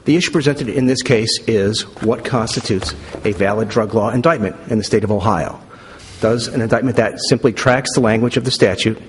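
A man arguing formally as a state's lawyer, deferential and a little halting. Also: mid-range voice. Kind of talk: formal oral argument. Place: large indoor courtroom. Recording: reverberant courtroom, clearly audible noise.

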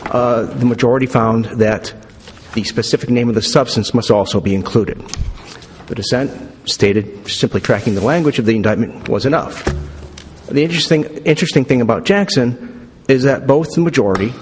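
A man arguing formally as a state's lawyer, deferential and a little halting. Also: mid-range voice. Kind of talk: formal oral argument. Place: large indoor courtroom. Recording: reverberant courtroom, clearly audible noise.

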